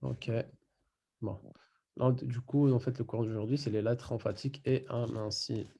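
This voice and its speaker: A man teaching a Quran recitation class online, patiently explaining step by step and repeating words slowly. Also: mid-range voice, steady tone, creaky, mellow, husky.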